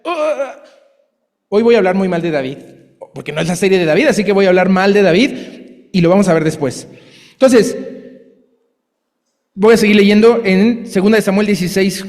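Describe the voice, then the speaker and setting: A man preaching a sermon in a lively, chatty way, with asides and acted quotes. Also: high voice, in a large hall. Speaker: pastor.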